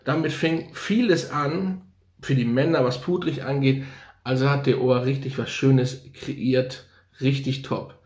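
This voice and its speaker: A man's voice: mid-range voice, fairly even intonation, a little slow, darkish tone, roomy sound. A man casually reviewing fragrances, enthusiastic and thinking aloud, repeating his slang praise as he goes. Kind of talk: casual unscripted product review.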